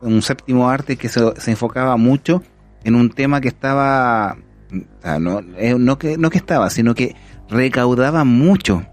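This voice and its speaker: A man's voice: mid-range voice, normal speed, faint music behind. A man with a Chilean accent hosting a casual podcast, an enthusiastic, rambling storyteller. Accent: Chilean Spanish. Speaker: podcast host.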